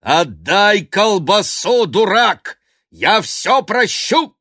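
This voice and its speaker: A man voicing a brash, cheerful male swindler who shouts in loud, mocking, drawn-out calls in a storybook reading. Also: high voice, big pitch swings, dry recording, studio quality, voice pushed up, exaggerated voice. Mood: gleeful shouting.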